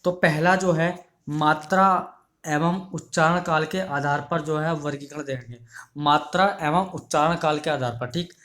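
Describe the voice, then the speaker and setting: A man's voice: fairly high pitch, unhurried, a bit bright. A male teacher giving an online exam-prep lesson, explaining patiently, repeating key terms and asking the class questions. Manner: ends phrases with "ठीक है" checks.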